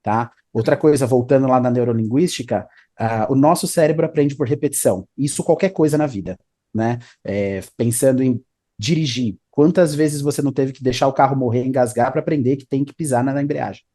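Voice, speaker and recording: A man's voice: mid-range voice, brisk, dark tone. A man, an English teacher explaining study tips in a casual interview, often adding "né?" and "tá?". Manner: explanatory, repeats 'né?' and 'tá?'.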